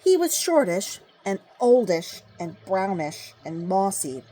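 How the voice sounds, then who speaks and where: A woman reading a rhyming children's storybook aloud, with dramatic, deliberate phrasing. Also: medium pitch, sing-song, mellow, husky, rough recording. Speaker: storybook reader. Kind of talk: expressive children's storybook read-aloud in rhyme.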